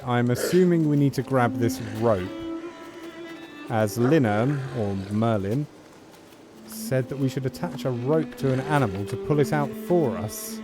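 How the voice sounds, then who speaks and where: A man casually talking through a game as a let's-play host, musing aloud about what to do next. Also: mid-range voice. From United Kingdom. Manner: musing, talks himself through choices. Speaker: gaming channel host.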